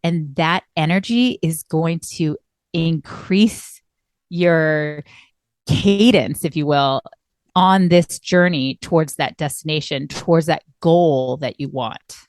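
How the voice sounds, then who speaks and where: A woman's voice: low-pitched, slow pace, a little mellow, dry recording, clean studio sound. Earnest woman podcast co-host. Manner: earnest, reflective, often checks in with "right?". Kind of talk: casual motivational chat. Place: recording remotely, apart from her co-host.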